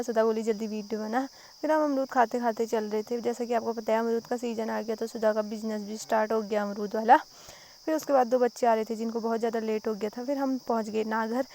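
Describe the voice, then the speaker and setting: A young woman from the Kumaon hills narrates her daily vlog in a chatty, giggly way. Her voice sits a little high but sounds mellow and warm. She tells the day's events as a casual voice-over. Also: slight background noise. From Kumaon, Uttarakhand. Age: young adult. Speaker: vlogger.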